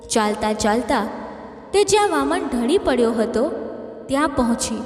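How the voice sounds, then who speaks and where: A woman reading a scripted devotional story in a steady, measured way. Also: high-pitched. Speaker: narrator. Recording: echoey reverb, faint music behind.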